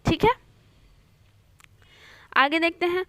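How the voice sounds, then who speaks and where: Her high voice comes through close and dry as this young woman slowly teaches an online Hindi grammar lesson. She repeats points patiently in a steady, classroom style, drops English words into her Hindi, and checks in constantly with "theek hai."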